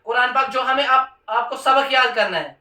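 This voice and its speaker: Male Quran teacher, emphatic, quizzes pupils; bright tone, distant mic in a reverberant room. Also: very high-pitched. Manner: emphatic, quizzes the class with repeated questions. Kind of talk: classroom lesson.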